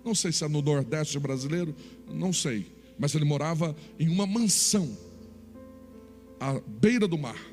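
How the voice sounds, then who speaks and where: A male pastor, telling a story in a sermon with expressive, dramatic delivery. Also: a little high, normal speed. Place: church hall. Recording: reverberant church hall, faint music.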